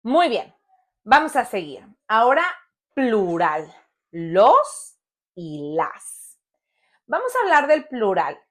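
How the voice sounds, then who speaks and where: A woman's voice: a little high, sing-song, unhurried. A woman a bilingual lesson, patient, repeating words and asking the learner questions. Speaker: Spanish teacher.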